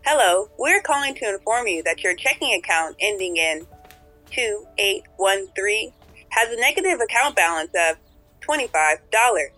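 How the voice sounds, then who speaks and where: A formal recorded bank phone message, with a bright, crisp edge and soft music in the background. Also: female voice, mid-range voice, animated, normal speed, low-quality recording.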